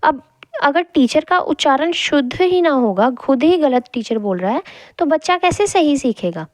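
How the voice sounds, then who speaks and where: A young woman teacher giving an exam-prep lesson, reading each point and then re-explaining it in casual mixed Hindi and English, repeating key phrases slowly. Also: sits high, animated, a little mellow, no room sound.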